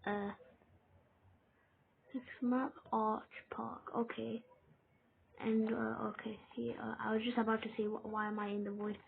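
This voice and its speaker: A woman's voice: on the high side, completely flat delivery, moderate pace, creaky. A British woman giving casual, rambling commentary as she plays a game, talking to herself as she goes. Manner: rambling, chatty self-talk. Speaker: gamer. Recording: tinny lo-fi with noise.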